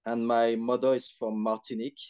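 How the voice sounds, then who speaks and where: A man from Benin with a Beninese French accent gives reflective interview answers in measured, hesitant phrases with frequent pauses. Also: mid-range voice, little pitch movement, a little mellow, smooth, dull audio. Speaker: podcast guest, historian and activist.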